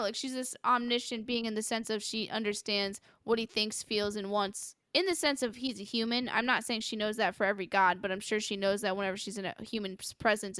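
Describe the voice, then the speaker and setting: A young woman co-hosting a casual podcast, animated and acting out characters as she talks. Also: fairly high pitch, smooth, dry recording, studio quality. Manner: animated, acts out characters in quotes. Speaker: podcast co-host. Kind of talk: casual chat about a film.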